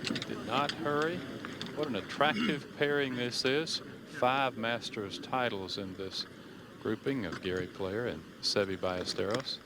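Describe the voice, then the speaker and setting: A man giving measured, understated live golf commentary in short phrases. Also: fairly low pitch, very noisy.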